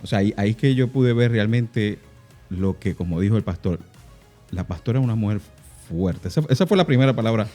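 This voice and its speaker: A man hosting a podcast interview, speaking haltingly, with repeated words and exclamations. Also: on the low side, lively intonation, dark tone, faint music behind.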